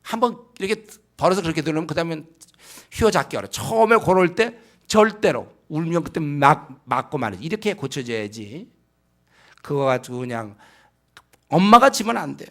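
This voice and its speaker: A male pastor delivers a practical sermon to his congregation. His voice sits a little high for a man and has a gravelly edge. He is emphatic and keeps putting rhetorical questions to his listeners. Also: big pitch swings, moderate pace, fairly bright tone. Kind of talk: sermon lecture on child-rearing.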